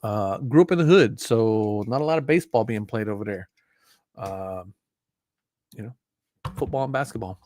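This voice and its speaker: A man's voice: lowish voice, moderate pace, pauses often, a little mellow, no room sound. Casual stream host: man, early forties, loose rambling delivery, dry close sound. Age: 40s. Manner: rambling, frequent fillers and restarts. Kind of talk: casual live stream chat.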